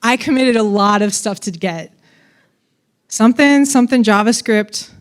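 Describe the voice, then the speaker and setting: A woman's voice: on the high side, a bit bright. A woman giving a conference talk on coding, casual and playful, with fillers and asides. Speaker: conference speaker.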